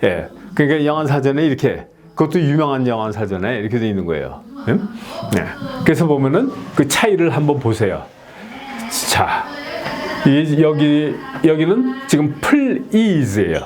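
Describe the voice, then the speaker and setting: A man's voice: mid-range voice, big pitch swings, a crowd in the background. A Korean man lectures on his own pronunciation method. He keeps asking his listeners to confirm and repeats each practice word several times. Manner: slow, deliberate drilling of single words. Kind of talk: video lecture explaining slides.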